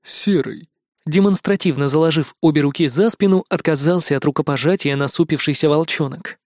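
Male audiobook narrator; slightly high voice, expressive, dry studio sound. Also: fairly quick, no room sound. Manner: expressive storytelling. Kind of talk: scripted narration.

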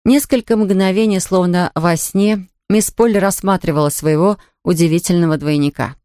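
A woman's voice: fairly low pitch, normal speed, smooth, dry recording. Woman narrating a storybook, dry and close. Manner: even, expressive storytelling. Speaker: audiobook narrator. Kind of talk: scripted narration.

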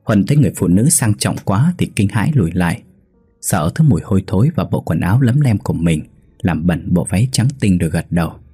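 Husky, low-voiced male storyteller. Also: lively intonation, a little fast, mellow, dry recording, studio quality, faint music behind. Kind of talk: storybook narration.

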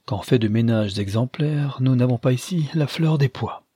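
Male reader as a lively old marquise, brisk and teasing, husky. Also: medium pitch, no room sound, studio quality, natural voice.

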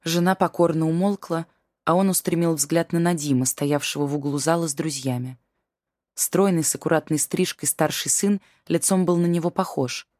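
A woman reading a novel aloud as audiobook narrator, in a measured, even way. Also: sits low, no room sound, studio quality. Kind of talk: scripted narration.

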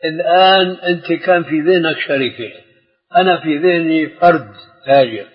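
A man's voice: on the high side, normal speed, breathy edge. An older man with a Levantine Arabic accent, a scholar firmly steering a question-and-answer lesson, on a dull old tape recording. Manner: firm, steers the discussion.

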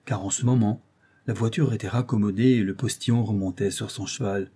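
A man reads a classic tale aloud at a measured, storytelling pace. His voice is dark and mellow, with a faint huskiness. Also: fairly low pitch, steady tone, husky. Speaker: audiobook reader. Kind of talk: scripted narration.

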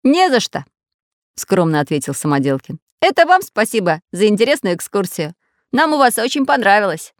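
A woman voicing a brave little male iron man in a storybook, firm and steady. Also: mid-range voice, fairly quick, dry recording, clean studio sound, lightly acted. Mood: cheerful. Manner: firm, stern when scolding.

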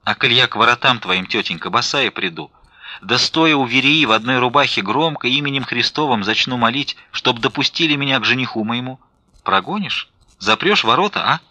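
A man's voice: mid-range voice, animated, bright, forceful tone, no room sound, pitched above the performer's own voice. A man reading an audiobook, voicing a young daughter who pleads and then refuses firmly. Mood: defiant. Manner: pleading, then firm and measured.

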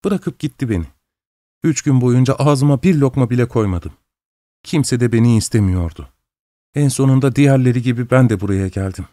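A man's voice: medium pitch, a little fast, mellow, no echo, clean studio sound, lightly acted. A man reading an audiobook, voicing a grieving young woman who tearfully tells her long-lost brother her story. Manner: tearful, pleading, emotional.

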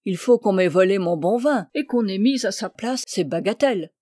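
Woman reads a scornful ugly old duchess, storybook, mellow dry sound. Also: mid-range voice, lively intonation, normal speed, no echo, close to an everyday voice. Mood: sly.

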